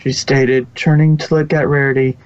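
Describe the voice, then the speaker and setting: A man reads fan fiction as a scripted narrator, his medium-pitched voice smooth and flat at a moderate pace. He occasionally falters over words and repeats them, and the sound is slightly muffled.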